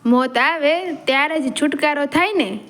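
A woman's voice: high voice, a little slow, fairly bright tone. A woman storyteller voicing a weary old man, the chief's uncle, who speaks in a resigned, pleading way.

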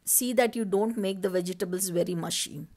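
A woman from India with a lowish, darkish voice hosts a cooking channel. Over her footage, she narrates a recipe slowly, instructing step by step.

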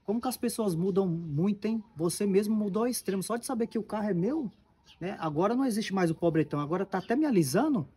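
Brief: Brazilian man, playing a humble lecturing worker, fast and husky. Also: sits high, animated, dark tone. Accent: Brazilian Portuguese. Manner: patient, moralizing. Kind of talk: amateur comedy skit acting.

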